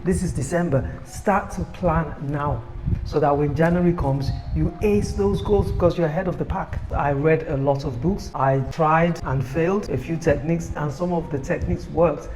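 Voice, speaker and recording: A man giving an upbeat, persuasive sales pitch for his own book, recorded on a phone camera. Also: normal speed, darkish tone, low-quality recording. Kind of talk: motivational self-promotion video.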